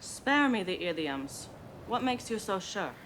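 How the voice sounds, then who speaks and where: A woman's voice: mid-range voice, very animated, a little slow, fairly bright tone, a little hiss or hum, low-quality recording. A woman playing a curt, distrustful female assistant in a mystery video game, dry and disdainful.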